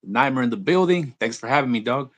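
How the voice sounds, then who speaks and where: A man's voice: medium pitch, expressive, fast, dry recording. Rapper guy, chill slangy talk, dry close sound. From Mexico. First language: Spanish. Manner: laid-back slang-heavy talk, many restarts. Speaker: rap artist guest. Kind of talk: casual interview chat.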